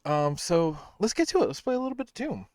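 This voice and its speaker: A man's voice: high voice, sing-song, fast talker, darkish tone, no room sound, studio quality. Tired, rambling man streaming games. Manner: rambling, self-deprecating, many fillers. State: tired, out of breath. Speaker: streamer host. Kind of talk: casual livestream chat.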